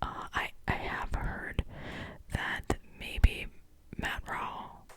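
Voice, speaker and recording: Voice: extremely slow, rough recording. A host with a Midwestern American accent, giving whispered ASMR sports talk up close to the mic, rambling with many ums and restarts.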